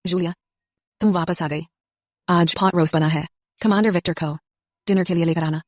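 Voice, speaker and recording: A woman's voice: lowish voice, fairly even intonation, normal speed, no room sound, clean studio sound, lightly acted. A woman playing a gossipy neighbor wife in a dubbed drama. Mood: friendly. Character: gossipy neighbor wife, friendly but nosy.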